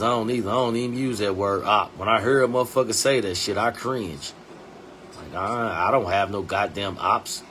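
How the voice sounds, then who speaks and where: A man in his forties hosting a live stream, talking bluntly in street slang and dropping his voice low and quiet to hammer a point home. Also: a little hiss or hum. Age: 40s. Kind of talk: casual live stream talk.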